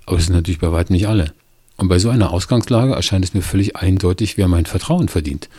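A man's voice: low voice, fast talker, warm tone, husky, no echo, studio quality. A man doing a patient, reasoning neighbor. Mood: explaining. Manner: patient, explaining, mildly ironic. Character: calm, reasoning middle-aged male neighbor.

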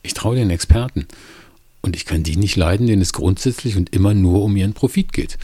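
A man reading as a patient, reasoning neighbor with a dry wit. The voice sits very low and dark with a husky edge. It is recorded dry and close. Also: fairly quick, no room sound. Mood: explaining. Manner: patient, explaining, mildly ironic. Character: calm, reasoning middle-aged male neighbor.

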